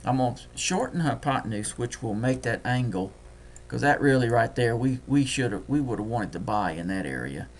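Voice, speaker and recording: Man, Deep South accent, folksy, gravelly, mid pitch, screen-recorded tutorial. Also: expressive, slight background noise. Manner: folksy, talks fast while clicking. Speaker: trading software tutor.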